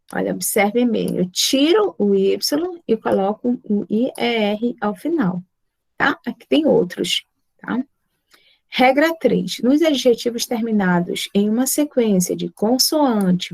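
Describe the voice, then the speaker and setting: A woman's voice: medium pitch, gravelly, slightly rough, no echo. A woman from Brazil teaching English grammar to her students, patiently repeating points and checking they follow.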